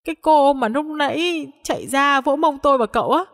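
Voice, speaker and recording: A woman voicing a pushy, cheerful young man, talking quickly and insistently. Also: high-pitched, a bit bright, in a large hall, pitched above the performer's own voice. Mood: friendly. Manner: insistent, quick teasing talk.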